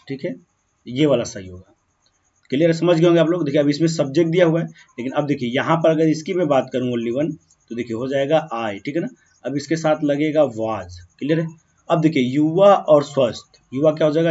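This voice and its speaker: A man teaching a grammar lesson, slowing down as he writes words out and often checking that students follow. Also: on the high side, darkish tone. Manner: keeps checking in with "ठीक है ना" and "clear है"; slow, drawn-out when writing words. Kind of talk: grammar lesson explaining on a board. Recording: dull, muffled lo-fi sound.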